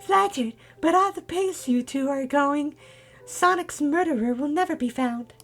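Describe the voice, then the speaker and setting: A man's voice: very high voice, a little slow, fairly bright tone, voice pushed up, full character voice. A man voicing a brash, hasty young girl hedgehog detective in a Valley Girl voice, reading game dialogue aloud. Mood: cocky.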